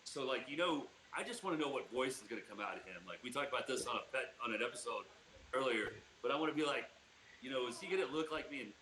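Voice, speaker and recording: A man's voice: medium pitch, animated, fast, bright, forceful tone, echoey room, slight background noise, rough recording. A man co-hosting a podcast in casual chat, rambling with many fillers and frequent laughs. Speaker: podcast co-host.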